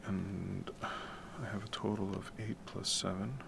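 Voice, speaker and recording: A man with a gravelly deep baritone speaks at a measured pace during a late-night work stream at home, where he composes music. His chatter is relaxed and wandering, sprinkled with casual swearing, and kept quiet to limit noise. Noticeable background noise, including typing, runs through the clip.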